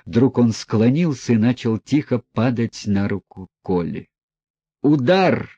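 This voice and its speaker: A man narrating a classic novel as an audiobook in a measured, even reading. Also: medium pitch, slightly rough, no echo, highs cut off.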